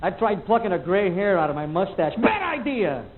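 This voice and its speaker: A fairly high-voiced man working a stand-up set with a loose, rambling flow. He acts out little sound effects and quotes people in passing. The audio is thin and tinny, with faint tape hiss under it. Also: sing-song, moderate pace. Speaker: stand-up comedian. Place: comedy club stage. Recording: lo-fi VHS tape recording.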